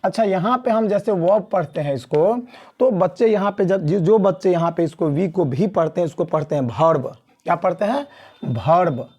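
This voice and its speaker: A male English teacher from the Mithila region of India, teaching beginners at a board, slowly spelling out letters and repeating key points. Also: high voice, darkish tone. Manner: slow and deliberate, drawing out each letter and repeating key points. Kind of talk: blackboard lesson for beginners.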